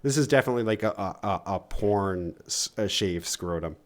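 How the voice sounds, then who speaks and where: A man speaking through a voice changer as co-host of a casual livestream, halting and stammering with frequent restarts. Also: fairly low pitch, expressive. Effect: voice changer disguising his voice. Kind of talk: casual chat reading donations.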